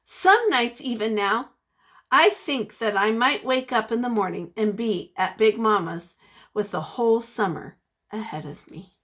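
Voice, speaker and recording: A woman with a somewhat high voice reads a picture book to children like their teacher. She's encouraging and expressive, and she pauses to ask them questions along the way.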